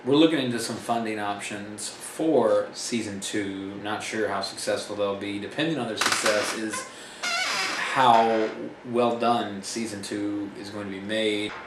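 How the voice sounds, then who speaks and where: An independent filmmaker with a fairly low voice chats unhurriedly through a casual vlog about his film projects, rambling and correcting himself in plain-spoken fashion. Because he sits far back from the camera's built-in mic, the sound is roomy and echoey, with a steady hiss underneath.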